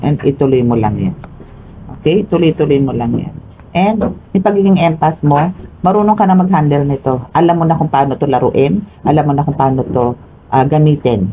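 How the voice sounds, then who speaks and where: Low, mellow Filipino woman giving a tarot reading. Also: slight background noise, poor audio. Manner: emphatic, keeps asking "no?" and "okay?". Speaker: tarot reader. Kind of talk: collective tarot reading for viewers.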